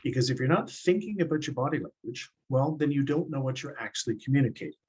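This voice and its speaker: A man teaching public speaking, his voice slightly husky and sitting in a middle register. He walks students through each point step by step in an encouraging classroom manner. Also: mid-range voice, fast talker, a little mellow, poor audio. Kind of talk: classroom instruction.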